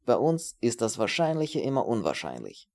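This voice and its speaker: A man voicing a worldly male exile with a brisk, matter-of-fact manner, a touch louder than his narration. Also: medium pitch, huge pitch swings.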